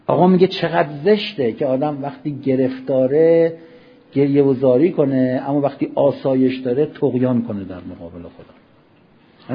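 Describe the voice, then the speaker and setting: A middle-aged man preaches, his voice husky and set a little high. He presses his listeners with rhetorical questions, dropping low and then rising loud. The recording is dull and lo-fi. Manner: impassioned, rhetorical questions, swings between soft and loud. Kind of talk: Ramadan sermon. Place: mosque hall.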